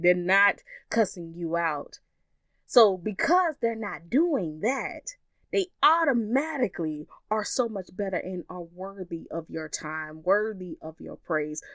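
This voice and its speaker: A woman with a fairly low voice hosts a solo podcast, talking earnestly and with emphasis in a relaxed, conversational way. The sound is dry and close, with no room around it. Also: no echo. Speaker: podcast host.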